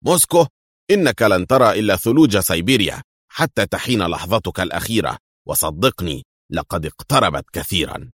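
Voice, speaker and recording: A man voicing an angry, bullying Soviet general who shouts his lines. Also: low voice, expressive, a little fast, breathy edge, no echo, clean studio sound, heavily acted. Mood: furious. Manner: shouting in fury.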